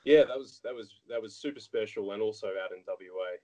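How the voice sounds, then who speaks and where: A man's voice: lowish voice, a little fast, dark tone, low-quality recording. An Australian man in his thirties, a guest politician chatting frankly in an interview, telling anecdotes with many restarts. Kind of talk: casual interview chat.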